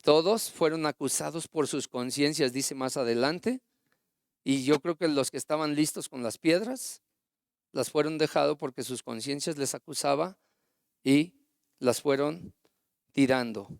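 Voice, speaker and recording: A man's voice: fairly high pitch, unhurried, gravelly, no echo, clean studio sound. A man preaching a sermon, retelling stories and asking the congregation rhetorical questions. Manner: storytelling with acted quotes and rhetorical questions.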